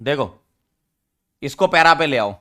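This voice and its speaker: Male chemistry tutor, bright tone, slightly high voice, teasing, repeats rules slowly. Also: lively intonation. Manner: teasing, addresses students as beta. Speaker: chemistry teacher. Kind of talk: online chemistry lesson.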